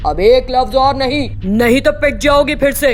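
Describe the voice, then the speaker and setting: A woman's voice: medium pitch, normal speed, darkish tone, soft background music, natural voice. Woman voicing a bullying harsh husband. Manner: threatening, barking orders.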